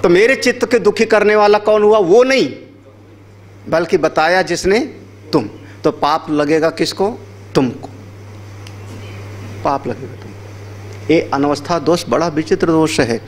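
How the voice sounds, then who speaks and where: A man's voice: a little high, measured pace, long pauses, a little hiss or hum. A man, a swami, giving a spiritual discourse on yoga scripture, explaining terms and checking with listeners. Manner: explanatory, repeats key terms, asks listeners rhetorical checks; uses everyday anecdotes with acted voices. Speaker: swami teaching yoga philosophy.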